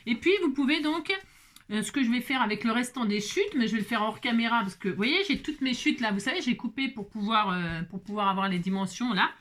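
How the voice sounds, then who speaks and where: Chatty high-voiced woman crafting. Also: fairly bright tone. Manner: chatty, exclaiming, full of little interjections. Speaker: crafting vlogger. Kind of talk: casual crafting tutorial chat.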